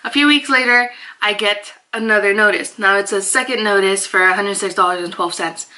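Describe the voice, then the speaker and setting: A young woman vlogging to her viewers in a chatty, animated way, often laughing. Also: mid-range voice, a little fast, poor audio. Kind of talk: casual chat to camera.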